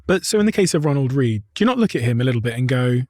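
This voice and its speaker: A man's voice: mid-range voice, sing-song, rapid-fire, warm tone, no echo, studio quality. A man from the United Kingdom, hosting an interview and asking questions in a casual, conversational way. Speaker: podcast host.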